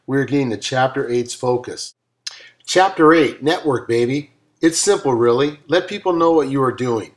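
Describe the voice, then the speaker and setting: A man reading his own audiobook aloud in an upbeat, motivational coaching manner, with casual asides. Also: mid-range voice. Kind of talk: self-read audiobook narration.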